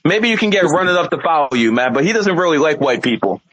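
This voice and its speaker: A man's voice: fairly high pitch, sing-song, fast talker, a bit bright, rough recording. A man bantering casually in a group chat as a co-host, hectoring and repeating his words. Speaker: co-host of a live audio chat room.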